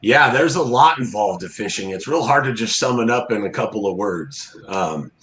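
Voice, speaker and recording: A man's voice: lowish voice, expressive, moderate pace, fairly bright tone. A middle-aged man chatting casually as an interview guest, plain-spoken and folksy in a laid-back way. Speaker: interview guest, crab fisherman. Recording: roomy, echoey sound.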